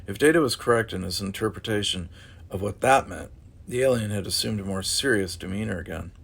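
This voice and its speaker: A man reading a science fiction story aloud as narrator, at a steady, unhurried pace. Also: fairly low pitch, vocal fry, breathy edge.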